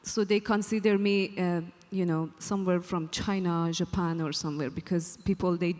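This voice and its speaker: A woman's voice: lowish voice, fairly even intonation, moderate pace, darkish tone. A woman from Afghanistan, a musician guest in a live panel interview, who speaks hesitantly with many fillers. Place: hall, on stage. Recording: long reverb of a hall.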